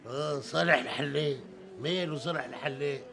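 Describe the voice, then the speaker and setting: A man's voice: a little high, fairly bright tone. An actor playing a stubborn, bossy old father with an Egyptian accent, in a TV drama. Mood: sly. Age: older. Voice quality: gravelly, bossy, quick-tempered. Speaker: father of a grown son. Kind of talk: TV drama acting. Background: background score music.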